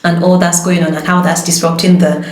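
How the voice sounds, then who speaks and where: A woman's voice: fairly low pitch, little pitch movement, brisk. A woman, a lawyer and voice-over artist, giving emphatic, passionate advice in a casual conversation. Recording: roomy echo.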